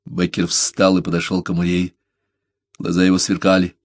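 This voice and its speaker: A man narrating a novel as an audiobook in a measured, dramatic reading. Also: low-pitched, monotone, dry recording.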